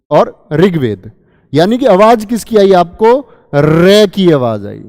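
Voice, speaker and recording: A man's voice: high-pitched, darkish tone, dry recording, clean studio sound, in a large hall. A male teacher giving an exam-prep grammar lesson, asking his students questions and then answering them himself. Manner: calls listeners children. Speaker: Hindi teacher.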